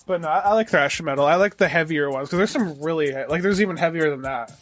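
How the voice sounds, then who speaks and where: Profane, rambling higher-voiced man. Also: fast talker, soft background music. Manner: profane, enthusiastic, rambling with fillers. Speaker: podcast co-host. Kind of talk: casual chat.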